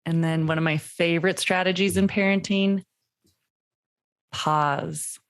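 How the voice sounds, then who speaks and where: A woman parenting coach on a podcast, explaining her advice in a lively way and dropping into a slow, soothing voice to demonstrate it. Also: on the low side. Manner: animated, acts out quoted voices.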